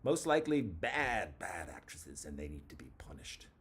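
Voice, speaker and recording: A man's voice: low voice, very animated, moderate pace, a bit bright, slightly rough. Rambling mock-grandiose call-in host man. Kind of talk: comedic late-night call-in talk.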